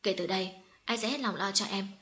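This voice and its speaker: A woman's voice: mid-range voice, a little fast, pushed and bright, lightly acted. A woman reading as a young man, a protective elder brother, in a soothing, reassuring way.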